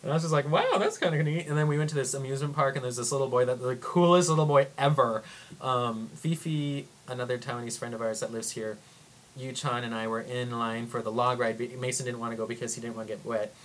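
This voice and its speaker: A young man telling travel stories in a casual vlog, rambling and excitable, full of "like" and acted-out quotes. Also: medium pitch, fast, slight background noise. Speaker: vlogger.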